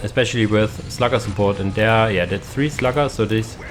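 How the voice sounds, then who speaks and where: A man's voice: on the low side, normal speed, noisy background. A young man giving casual, hesitant commentary on a strategy game match, with many fillers and restarts. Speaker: caster.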